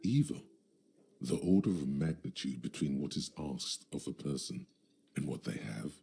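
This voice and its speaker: A man's voice: very deep voice, expressive, moderate pace, creaky, mellow, slightly rough, heavily acted. An actor voicing a sardonic, all-knowing male narrator in a video game, with dramatic narration.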